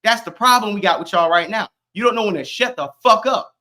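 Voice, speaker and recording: Man streamer from Florida, high bright voice, brash and mocking live rant. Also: fairly quick.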